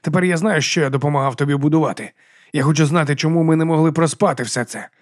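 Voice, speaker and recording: A man voicing a hoarse, desperate man holding his mentor at gunpoint, his voice pushed up well above the narration, louder and pleading. He sounds strained and accusing, recorded close and dry. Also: on the high side, steady tone, fast talker, dry recording. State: hoarse, burning throat. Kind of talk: audiobook character voice.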